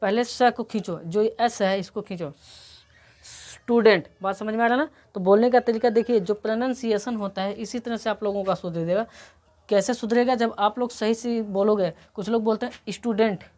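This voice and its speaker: With a medium-pitched, slightly mellow voice, a woman teaches an English grammar lesson step by step, often checking that her students are following. She has a slight cold and seems to be coming down with it.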